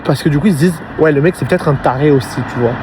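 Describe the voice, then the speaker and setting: Young guy, animated slangy storyteller, bit high voice, city traffic behind. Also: racing. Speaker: vlogger. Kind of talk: storytime monologue to camera. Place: outdoors on a city street at night. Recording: traffic noise outside.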